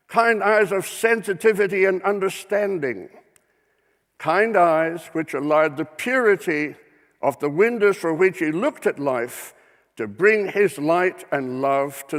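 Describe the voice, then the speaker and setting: A male minister preaching a sermon in church, measured and deliberate, with dramatic rhetorical questions. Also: fairly high pitch, fairly bright tone, long reverb tail.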